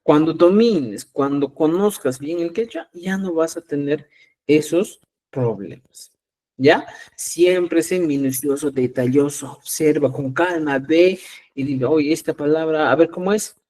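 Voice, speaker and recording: Male teacher from Peru, patient and repetitive, slightly higher voice, live online class. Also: unhurried, darkish tone. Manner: patient, repeats "¿ya?" to check understanding. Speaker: Quechua teacher.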